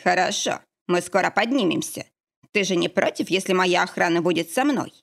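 A woman reading an audiobook, voicing a shrill, falsely friendly male villain. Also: moderate pace, creaky. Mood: oily. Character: oily menacing male villain.

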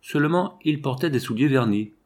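A man narrating a children's storybook in a measured, expressive read-aloud. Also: medium pitch. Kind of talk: storybook reading.

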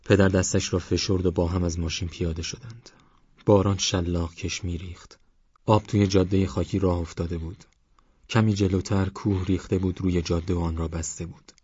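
A man calmly reading a novel aloud as an audiobook narrator, in an even storytelling manner. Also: deep voice, husky, no room sound. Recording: dry, slightly dull recording.

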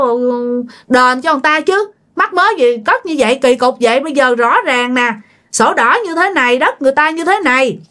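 A woman's voice: high-pitched, a bit bright, pitched above the performer's own voice. A woman voicing an exasperated local official who lectures in a raised, incredulous voice.

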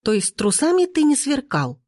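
A woman reader voicing a furious, scornful young woman shouting mockery from a balcony. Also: lively intonation, moderate pace, no room sound, clean studio sound, lightly acted. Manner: shrill and mocking.

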